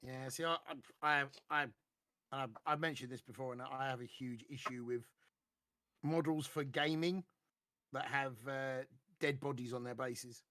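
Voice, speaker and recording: A man's voice: medium pitch, steady tone, unhurried, sharp tone, no room sound. Stammering man on a dry mic. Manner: hesitant, many stammered restarts and "uh"s. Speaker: guest streamer. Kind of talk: casual live-stream chat.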